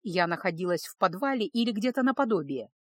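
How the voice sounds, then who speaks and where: A woman's voice: mid-range voice, fast talker, dry recording. Woman narrating an audiobook, dry and close. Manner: steady, expressive reading. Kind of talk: first-person audiobook narration.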